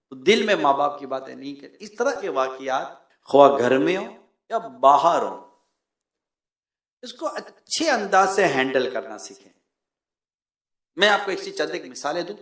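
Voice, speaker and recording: A man giving a sermon in a lively, emphatic way, his voice climbing into loud peaks. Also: on the high side, echoey room. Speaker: preacher.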